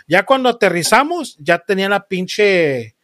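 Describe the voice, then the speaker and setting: Male host, higher voice, animated slangy storyteller with a salty mouth. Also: measured pace. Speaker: podcast host. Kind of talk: casual interview chat.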